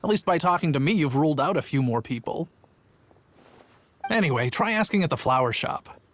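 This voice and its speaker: A man's voice: a little high, lively intonation, a little fast, a bit bright, slight background noise. An actor playing a chatty, earnest young male town guard telling his tale in a video game. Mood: placating. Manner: storytelling, earnest.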